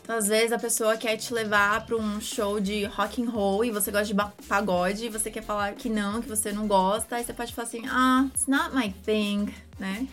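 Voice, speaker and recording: A Brazilian woman teaching English in an upbeat way, repeating example phrases slowly and clearly. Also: mid-range voice, little pitch movement, a bit bright, faint music behind. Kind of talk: online language lesson.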